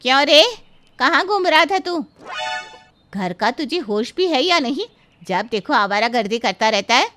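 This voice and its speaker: A woman voicing a worried, sharp-tongued middle-aged mother who complains about her son in a storybook cartoon. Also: on the high side, a little slow, soft background music. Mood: scolding. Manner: complaining, scolding.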